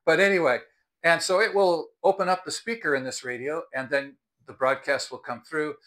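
An American man in his sixties stands on a house porch by the front door, explaining products to the camera as a review host. His voice sits a little high and fairly bright, with a steady tone and moderate pace. He speaks conversationally and emphatically, without a script.

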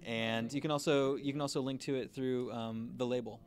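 A man in his thirties, a music video co-director, speaking in an easygoing, halting way with many fillers at a red carpet interview. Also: medium pitch, fairly even intonation. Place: festival press wall, indoors. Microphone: handheld interviewer mic.

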